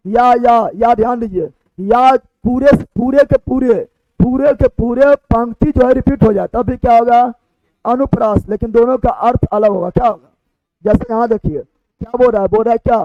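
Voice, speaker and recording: A very high-pitched male teacher runs a blackboard lesson, firing questions and answering them himself. He draws out verse lines slowly when he reads them. The recording is dry and close, with a dull, lo-fi tone. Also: no room sound.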